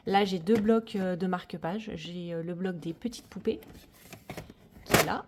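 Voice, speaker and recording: A coloring hobby vlogger with a fairly low, slightly slow voice gives a casual tour of her coloring corner. She sounds hesitant but friendly, with a noisy background behind her.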